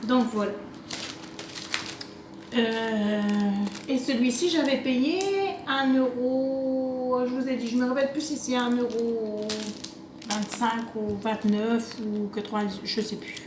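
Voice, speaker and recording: Speaking slowly in a fairly high, steady voice, a half-Italian woman from France presents craft purchases to camera. Her talk is unscripted, casual, hesitant and wandering, recorded on a phone on a table in a noisy, echoey home setting.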